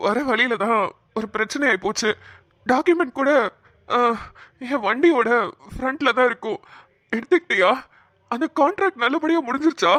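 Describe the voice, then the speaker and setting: A woman's voice: on the high side, a bit bright, no room sound. A woman voicing a playful, teasing young man in a cartoon. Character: joking young man recovering in hospital. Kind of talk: cartoon voice acting.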